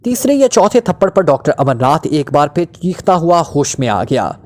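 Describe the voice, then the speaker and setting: A man reads out a crime thriller in a steady, dramatic narration. His voice is dark and mellow, pitched slightly high. The pace is even, with no strain. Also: normal speed. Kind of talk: scripted story narration.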